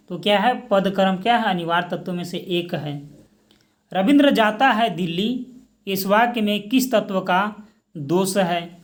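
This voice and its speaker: A man with a high voice gives an exam-prep grammar lecture, voiced over slides. He explains slowly and patiently. He poses questions and answers them himself, dropping English words into his Hindi.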